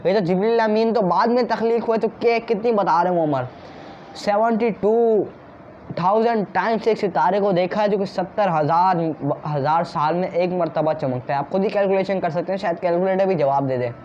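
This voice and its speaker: A man's voice: high-pitched, brisk, darkish tone, muffled recording, slight background noise. A man preaching a devotional sermon with fervour, using rhetorical questions to stir his listeners. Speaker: Islamic preacher.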